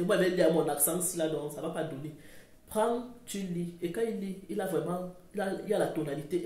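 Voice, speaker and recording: A woman's voice: lowish voice, dark tone. A woman talking casually to camera about parenting, chatty and rambling, often correcting herself. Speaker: parenting vlogger. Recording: roomy echo.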